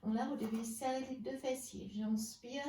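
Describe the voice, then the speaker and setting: A woman leading a pilates class, calmly counting reps and giving breathing cues. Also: high voice, brisk. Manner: calm counting and breath cues, mixing in English phrases. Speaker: pilates instructor. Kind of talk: guided workout instruction. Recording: roomy, mic at a distance, faint background hiss.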